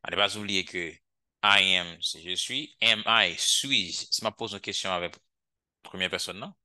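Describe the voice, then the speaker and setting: Male English teacher, low bright voice, close dry sound, slow repeated drills. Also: dry recording. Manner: drills English phrases slowly, asks "ok?" often. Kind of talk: language lesson.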